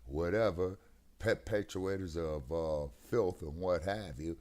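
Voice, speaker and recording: Low-voiced man on a video call. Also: a little slow, a little mellow. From United States. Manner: emphatic, preachy, keeps asking "you see what I'm saying?". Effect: heard over a video call, connection breaking up. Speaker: co-host of a talk stream. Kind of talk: casual political discussion. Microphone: headset.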